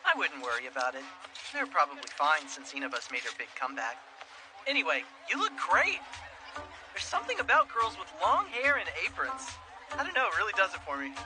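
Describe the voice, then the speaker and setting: A man's voice: a little high, a little fast, music in the background, rough recording. An actor playing a laid-back, carefree teenage boy in an anime dub. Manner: relaxed, carefree.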